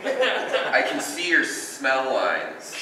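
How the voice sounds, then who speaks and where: A man's voice: mid-range voice, wildly swooping pitch, drawn-out words, bright, forceful tone. A man chatting casually and jokingly as a player in a tabletop game. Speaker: panel player. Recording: echoey room, distant mic, faint noise.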